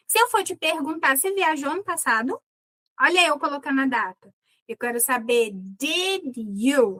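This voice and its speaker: A Brazilian woman with a high, bright-pitched voice teaches English in a playful, lively way. She slows right down to drill each word. The recording is close and dry, with no room sound. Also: no room sound. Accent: Brazilian Portuguese. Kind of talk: online class lesson.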